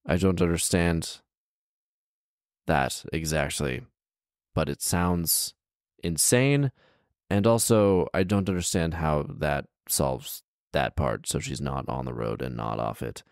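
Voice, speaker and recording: Slow and bass-voiced, a man hosting a story podcast reads a fairy tale and jokes his way through it. He's casually comedic, incredulous and wry, slipping into slang and repeating lines for emphasis. The sound is dry and studio-clean.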